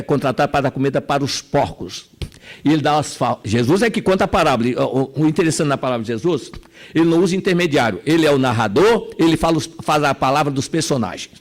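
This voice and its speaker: A man with a Brazilian Portuguese accent leading a spiritist study lesson, retelling a parable in an animated way and addressing the group directly. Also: medium pitch. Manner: animated, acts out characters, addresses the audience directly.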